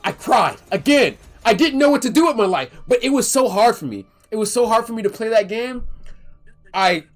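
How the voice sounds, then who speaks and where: Young male streamer, high and expressive, emotional chatty storyteller. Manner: animated, emotional, talks fast with slang and self-interruptions. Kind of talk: casual storytelling.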